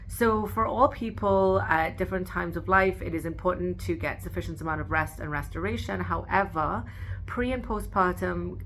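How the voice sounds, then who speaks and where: Calm woman explaining gently, low-pitched. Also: slight background noise. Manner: calm, gentle explanatory delivery with occasional fillers. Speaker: osteopathic manual practitioner. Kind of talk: educational talk to camera.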